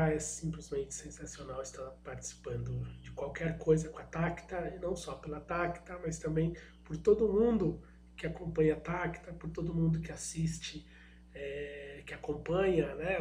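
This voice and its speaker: Speaking as a guest, a middle-aged product designer and innovation agent with a Brazilian accent presents informally, his voice slightly hoarse, on the high side and a little mellow. He hesitates, frequently searching for words, in an echoey room with a faint underlying hum.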